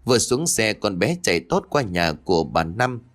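A man tells a ghost story in a low voice. His intonation rises and falls widely as he narrates, and he switches to other voices for the quarrelling characters. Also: moderate pace. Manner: lively, shifts voice for quarrelling characters. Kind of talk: storytelling narration with acted dialogue.

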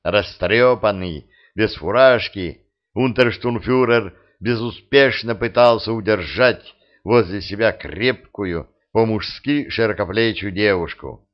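Guy reading an audiobook, slow and measured, kinda muffled sound. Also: lowish voice. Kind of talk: audiobook narration.

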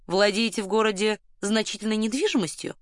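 A woman's voice: medium pitch, fairly quick, dry recording, lightly acted. A woman voicing a terse inquisitive journalist. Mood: probing. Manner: probing, terse questions. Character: dry, inquisitive male Irish journalist.

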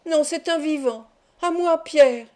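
A woman's voice: on the high side, normal speed, dark tone, natural voice. A woman voicing a resolute young woman who defies her captor in a cold, firm voice. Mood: desperate.

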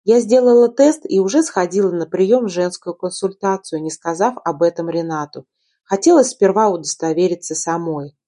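A woman narrating a romance novel in the first person, in a calm, even storytelling manner. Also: lowish voice, normal speed. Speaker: audiobook narrator.

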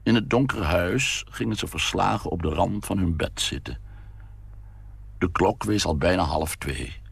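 A man narrating a story in an expressive, measured dramatic reading from an archive radio recording. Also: low-pitched, vocal fry, husky, no echo.

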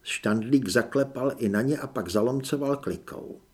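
A man narrating an audiobook expressively, with sudden dramatic hushed drops. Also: medium pitch.

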